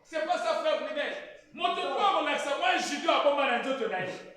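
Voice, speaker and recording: High, bright-voiced preaching man in an echoey hall. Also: animated, moderate pace. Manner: preaching with call-and-response, swinging from quiet asides to shouts. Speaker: pastor. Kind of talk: sermon. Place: church hall. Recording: echoey church hall from far off.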